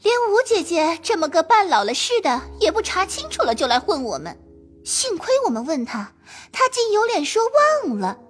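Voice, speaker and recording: A woman's voice: very high voice, sing-song, normal speed, faint music behind. A woman voicing a proud, shrewd young noblewoman who mocks the servants coldly and gives firm orders in an audio drama. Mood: mocking. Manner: cold, mocking, commanding.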